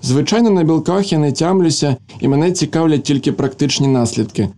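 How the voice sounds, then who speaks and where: A man's voice: fairly high pitch, brisk, mellow, pitched above the performer's own voice, natural voice. A man voicing a brash young engineer. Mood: provoking.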